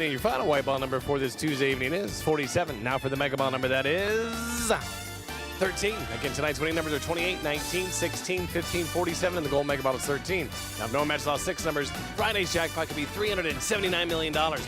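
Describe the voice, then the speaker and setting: A man speaking as a lottery draw host, announcing numbers in an upbeat, polished, scripted presenter delivery. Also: fairly high pitch. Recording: loud music behind the voice. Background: music.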